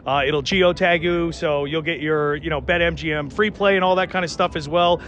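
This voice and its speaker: A man's voice: steady tone, moderate pace, fairly bright tone, highs cut off, slight background noise. A man promoting his sports venue in an interview, upbeat and full of "you know" fillers, recorded outdoors. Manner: upbeat pitch, many fillers. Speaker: venue operator.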